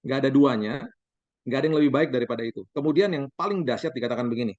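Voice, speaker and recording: A man in his forties, a pastor, preaching a sermon as lively stories, acting out the dialogue for the congregation. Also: medium pitch, rapid-fire, no echo. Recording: dull, dry sound.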